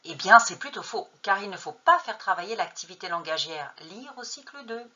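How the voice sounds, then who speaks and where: A woman's voice: medium pitch, expressive, normal speed, pushed and bright, muffled recording. A woman teacher trainer narrating a lesson, posing true-or-false questions and then answering them. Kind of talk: narrated lesson on an English textbook.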